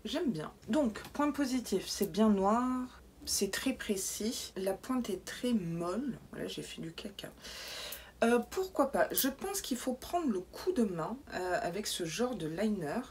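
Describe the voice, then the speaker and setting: A young woman talks through a beauty box unboxing in a chatty, wry tone, slipping into whispered asides between her product comments. Her voice sits at an ordinary middle pitch, with faint noise in the background. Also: big pitch swings, measured pace, darkish tone.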